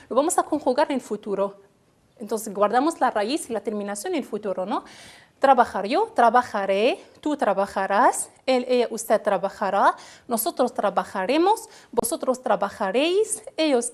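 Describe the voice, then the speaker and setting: A woman from Morocco with a high-pitched voice teaches Spanish grammar in a broadcast class. She drills verb endings person by person, slow and deliberate, filling gaps with brief hesitations. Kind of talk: televised grammar lesson.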